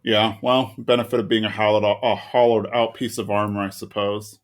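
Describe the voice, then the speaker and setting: A man's voice: lowish voice, little pitch movement, normal speed. A man co-hosting a podcast, talking casually about an anime episode in an easygoing, hedging way. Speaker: podcast co-host.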